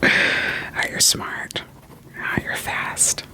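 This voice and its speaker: In a very slow, soothing ASMR roleplay, a woman plays a therapist, whispering gently probing questions with a playful edge and repeating short phrases.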